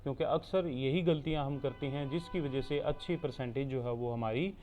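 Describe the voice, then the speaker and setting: A man giving a steady explanatory online lecture as a teacher-training instructor, repeating points so students can take notes. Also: mid-range voice, fairly quick, soft background music. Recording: tinny phone-like recording.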